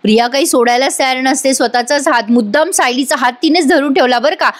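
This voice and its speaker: High-voiced chatty woman reviewer. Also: fast. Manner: chatty, amused, addresses viewers directly. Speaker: TV serial reviewer. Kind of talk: casual voice-over episode recap.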